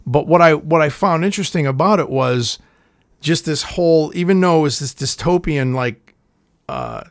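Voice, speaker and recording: A man's voice: a little high, sing-song, normal speed, no room sound, studio quality. A man telling stories in a casual chat, rambling and swearing, acting out the scenes. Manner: rambling storyteller, swears often, acts out scenes.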